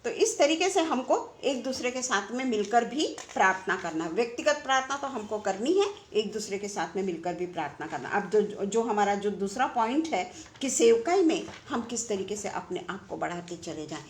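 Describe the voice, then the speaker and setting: A woman's voice: mid-range voice, lively intonation, moderate pace, reverberant, slight background noise. A woman preaching a conversational sermon, asking her listeners rhetorical questions. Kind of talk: online sermon.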